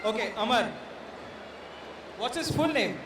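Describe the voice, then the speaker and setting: An Indian man with a higher-pitched voice, an art director and quiz co-host, addresses an audience informally at a comic convention event. His intonation is lively and his pace unhurried. He is picked up from a distance in an echoey, noisy venue with a loud crowd.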